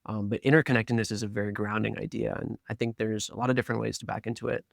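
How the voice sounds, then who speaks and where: A man co-hosting a podcast, speaking in a measured, thoughtful and articulate way. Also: fairly low pitch, level tone, creaky, dry recording, clean studio sound. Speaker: podcast co-host. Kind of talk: casual podcast conversation.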